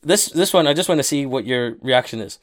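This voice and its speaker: Mid-pitched man in casual podcast chat. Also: animated, brisk. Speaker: podcast co-host and car detailer.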